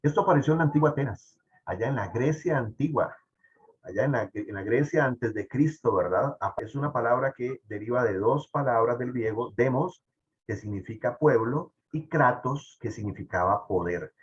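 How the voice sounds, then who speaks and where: A man lectures a civics class in a lively, talkative way, tossing in jokes and constant "¿verdad?" checks. His voice sits at an ordinary male pitch. The recording is dull and lo-fi. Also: moderate pace. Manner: animated, asks "¿verdad?" often, jokes with students. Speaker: teacher.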